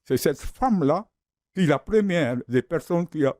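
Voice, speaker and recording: A man's voice: a little high, animated, moderate pace, a little mellow, no room sound. An older man from the Austral Islands, a guest in a TV studio, telling stories and repeating words as he searches for them. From Austral Islands, French Polynesia. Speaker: founder of the crafts service, guest. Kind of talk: reminiscing studio talk.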